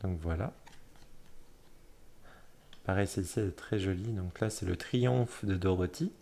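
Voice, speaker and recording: A man with a somewhat low voice walks through a tarot deck card by card. His talk is loose and halting, with frequent fillers and quick corrections. He keeps stopping to admire each card in a soft, plain tone. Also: creaky. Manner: hesitant, many fillers and self-corrections; admiring, soft-spoken commentary. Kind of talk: casual deck flip-through.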